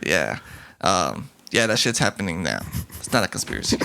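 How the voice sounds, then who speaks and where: A man co-hosting a podcast in casual chat, relaxed and quick to laugh, but firm when he makes a point. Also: sits low, creaky, a little hiss or hum. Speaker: podcast co-host.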